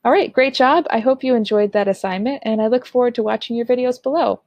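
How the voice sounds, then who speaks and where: A young adult woman giving an online lesson on public speaking, with a clear, upbeat instructional delivery. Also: on the high side, fast, a little mellow, dry recording, lo-fi sound.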